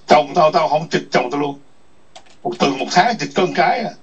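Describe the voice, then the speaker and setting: A man's voice: a little high, animated, moderate pace, breathy edge. A man ranting in an online chat room, scolding and cursing with repeated taunting questions. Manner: foul-mouthed, scolding, repetitive taunts. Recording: distant muffled lo-fi mic.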